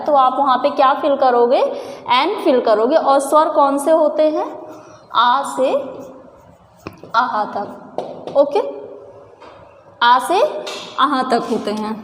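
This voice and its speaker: A woman with a high voice explains a grammar lesson step by step. She patiently puts questions to the viewer and answers them herself. The sound is echoey, with a long reverb tail. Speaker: teacher.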